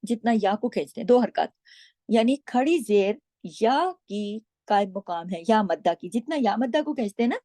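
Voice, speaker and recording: A woman's voice: on the high side, lively intonation, mellow, no echo, studio quality. Patient woman teaching Quran recitation rules. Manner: patient, asks and answers her own questions; draws out recited words slowly. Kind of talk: explaining tajweed rules, with slow recited words.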